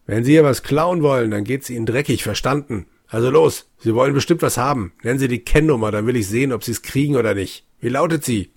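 Scratchy, rusty-sounding robot at a loudspeaker, gruff and threatening, gravelly and husky, as a man reads it out. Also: medium pitch, quick pace, few pauses, no room sound, clean studio sound. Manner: reads game text aloud, threatening.

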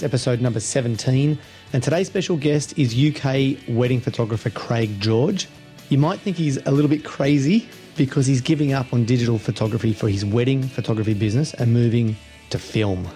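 A man's voice: mid-range voice, warm tone. A man hosting a photography podcast, friendly and casual, often calling his guest mate and laughing. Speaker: podcast host. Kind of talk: podcast interview.

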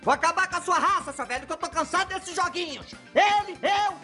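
A dub actor voicing a brash, impatient young cop who shouts in a dubbed comedy film scene. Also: male voice, very high voice, soft background music. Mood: exasperated. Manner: shouting, fast, exasperated. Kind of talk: Brazilian Portuguese film dub.

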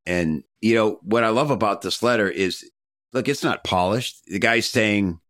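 A man's voice: fairly low pitch, normal speed, fairly bright tone, no echo, clean studio sound. A man hosting a podcast interview, chatting casually with frequent "you know" fillers. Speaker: podcast host.

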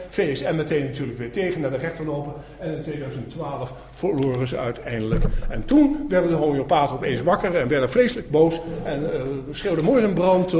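A man giving a public lecture with slides, animated and sarcastic, acting out the people he quotes. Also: medium pitch. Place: lecture hall. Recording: echoey hall, faint noise.

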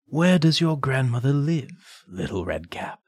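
Man playing a sly wolf, wheedling and soft, storybook tale. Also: mid-range voice, sing-song, unhurried, dry recording, clean studio sound, voice pushed up. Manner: wheedling, coaxing. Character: sly, crafty male wolf.

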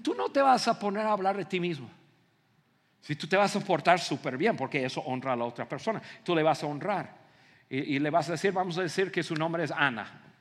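Man, sermon, high-pitched, lively and acted-out delivery, stammered repeats, long hall reverb. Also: brisk. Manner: animated, acts out scenes, frequent stammered repeats. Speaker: pastor. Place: large auditorium.

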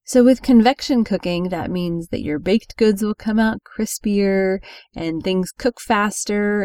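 A woman's voice: medium pitch, warm tone, no room sound, studio quality. Woman co-hosting a hiking podcast. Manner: friendly explanatory tips. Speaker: podcast co-host. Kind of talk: casual podcast chat.

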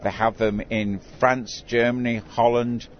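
A man's voice: medium pitch, level tone, a little slow. An older man who works as a town crier, telling stories conversationally in an interview. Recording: dull recording with clear background noise.

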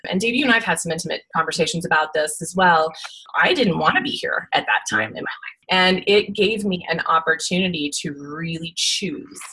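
A woman in her forties with a smoky, raspy voice like a smoker's, telling her personal story candidly as an interview guest, with emphatic delivery. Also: lowish voice, brisk, pushed and bright, low-quality recording. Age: 40s.

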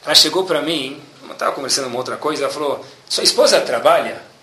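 Animated man teaching a sermon. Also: on the high side, rapid-fire, a little hiss or hum. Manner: keeps asking "tá bom?" as a check-in; lively, animated storytelling. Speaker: religious teacher. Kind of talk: sermon with storytelling. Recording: echoey room.

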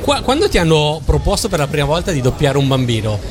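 A man's voice: a little high, big pitch swings, fast, a crowd in the background. A man co-hosting an interview, posing questions conversationally. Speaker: interview co-host.

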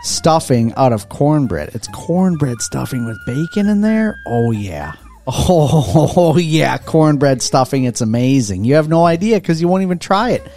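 A man's voice: fairly high pitch, big pitch swings, measured pace, warm tone, faint music behind. A man co-hosting a radio show, bantering casually. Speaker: radio co-host.

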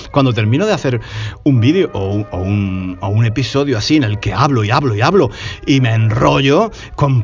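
A man from Spain with a Spanish accent, hosting a Spanish lesson podcast from home, talking loudly and passionately, repeating himself, now sweaty and tired. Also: mid-range voice, creaky, lo-fi sound. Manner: passionate, loud, repetitive. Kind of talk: energetic podcast lesson for learners.

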